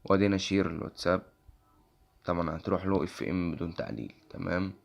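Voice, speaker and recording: A young man with an Egyptian accent and a worn, hoarse voice walks through an app on screen, quickly asking "okay?" after nearly every phrase. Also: deep voice. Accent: Egyptian Arabic. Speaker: tech channel host. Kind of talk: casual screen-recording walkthrough.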